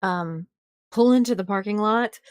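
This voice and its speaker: A woman playing a tabletop role-playing game, laying out her character's plan in a measured way. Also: mid-range voice, darkish tone, clean tone, no echo. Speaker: player.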